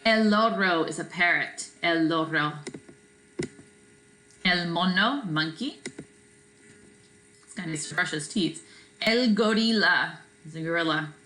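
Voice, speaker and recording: Bright-voiced teacher woman, chatty. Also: lowish voice, measured pace, pauses often, slight background noise, poor audio. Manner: relaxed, chatty, many fillers and "right?". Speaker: Spanish teacher. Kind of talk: recorded classroom vocabulary lesson.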